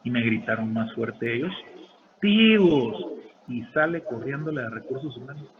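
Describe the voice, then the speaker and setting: A man, a lecturer in an online class, telling anecdotes and acting out quotes with lively shifts of voice. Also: mid-range voice, brisk. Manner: lively storyteller, acts out shouted quotes. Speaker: university lecturer. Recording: muffled call audio with background noise.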